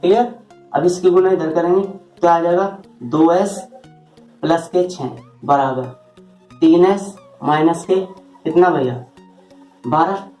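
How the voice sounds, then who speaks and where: A man's voice: a little high, slow pace, long pauses, darkish tone, reverberant, soft background music. A man teaching a math lesson at a board, talking informally and often asking his students rhetorical questions as he works through each step. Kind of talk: board lesson explaining shortcuts.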